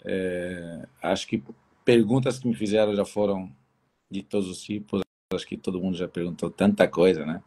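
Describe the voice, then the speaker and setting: A man's voice: low-pitched, fairly even intonation, normal speed, mellow. A man from Brazil with a Brazilian Portuguese accent, a football coach giving easygoing, rambling interview answers with many restarts.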